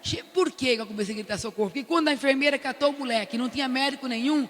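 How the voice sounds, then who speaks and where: An older Brazilian woman tells her story at a prayer meeting in a very high, bright voice. She speaks with animation and acts out the lines she quotes. Her voice rings through a large, echoey church hall. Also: rapid-fire. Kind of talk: testimony talk at a prayer meeting. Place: large cathedral.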